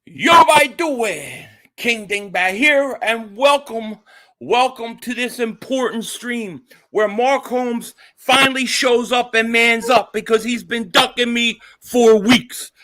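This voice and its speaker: A man's voice: extremely high pitch, takes it slowly, sharp tone, no room sound, studio quality. A man hosting a casual live stream, playful and teasing, bragging as he jokes with his guest. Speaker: stream host. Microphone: home streaming mic.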